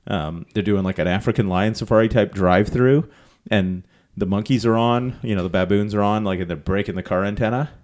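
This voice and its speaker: Male podcast host, lowish voice, loose and chatty, quick to laugh. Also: darkish tone. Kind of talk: casual podcast chat.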